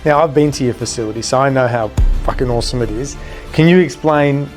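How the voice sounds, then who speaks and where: A man's voice: mid-range voice, fast, soft background music. A man, hosting a podcast in a chatty, laid-back way. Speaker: podcast host. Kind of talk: casual interview chat.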